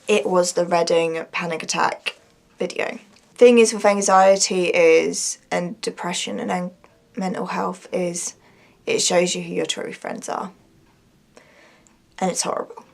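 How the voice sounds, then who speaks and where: A woman's voice: fairly low pitch, steady tone, unhurried, creaky, pauses often. A young woman speaking candidly and informally in a confessional vlog, moving between reading her own diary and explaining it. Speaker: vlogger.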